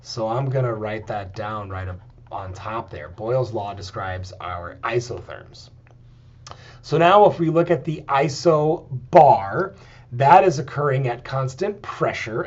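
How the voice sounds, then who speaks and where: A man's voice: medium pitch, darkish tone. A man lecturing on chemistry and working through slides, explaining step by step with frequent "okay" and "um" check-ins. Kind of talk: recorded lecture, writing on slides. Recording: dull lo-fi lecture recording.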